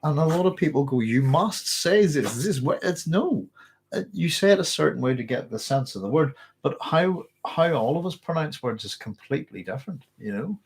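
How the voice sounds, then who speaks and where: Hosting a relaxed live stream, this Northern Irish man reads comments and chats in a rambling manner, often restarting and filling gaps. A cough tickles his throat. His voice is fairly high, expressive and slightly rough, at a moderate pace.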